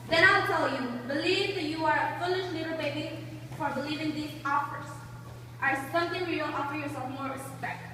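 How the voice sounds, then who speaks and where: A woman playing bossy, excitable men in an amateur Shakespeare play, declaiming and stumbling a little over the lines. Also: high voice, fairly quick. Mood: scornful. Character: bossy, scolding father, and an excited vengeful prince. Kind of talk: amateur student Shakespeare performance in modern English. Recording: distant echoey hall with faint noise.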